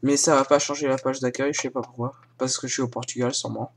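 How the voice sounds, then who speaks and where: A man's voice: medium pitch, level tone, fast talker, a little hiss or hum. A young French-speaking man casually walking viewers through film sites, hesitant, full of fillers and self-mocking asides, filmed one-handed on a phone. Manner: hesitant, many fillers and restarts. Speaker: YouTuber showing film sites. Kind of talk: casual screen-recording tutorial. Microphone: filming with a phone held in one hand.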